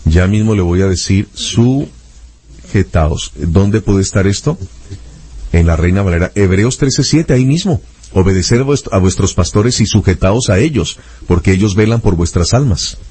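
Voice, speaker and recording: A man with a low, husky voice conducts a conversation about scripture. He reads passages aloud in a steady, methodical way while checking his sources. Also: normal speed. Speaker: interviewer.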